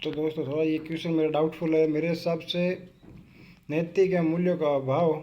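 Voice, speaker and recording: A man's voice: fairly high pitch, level tone, brisk, mellow, dull audio, a little hiss or hum. Hindi-speaking male tutor, quizzing himself. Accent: Rajasthani Hindi. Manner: reads questions, then asks and answers them himself. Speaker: teacher. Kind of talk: exam-prep quiz lesson.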